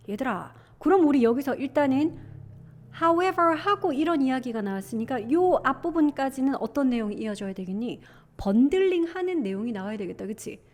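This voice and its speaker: A young Korean woman teaching an English exam passage in a chatty lecture, often asking her students rhetorical questions. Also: high-pitched.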